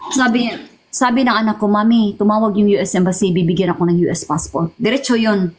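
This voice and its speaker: A middle-aged woman from the Philippines shares an emotional personal testimony in an interview. She talks haltingly, often repeating and restarting words as she mixes in English. Her voice sits at an ordinary pitch. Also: steady tone, low-quality recording. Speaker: interview guest.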